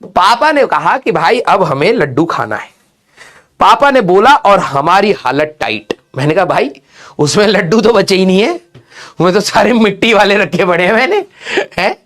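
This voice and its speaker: A male teacher telling a funny childhood story to his class, animated, who keeps checking in with his students with a quick "okay?". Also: high-pitched.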